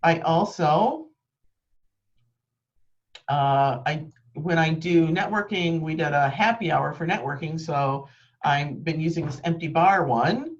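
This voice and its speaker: A woman's voice: sits low, slow pace, lo-fi sound. A woman leading a live video-call training from her home office, explaining things practically with frequent ums. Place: home office with green screen. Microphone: webcam microphone.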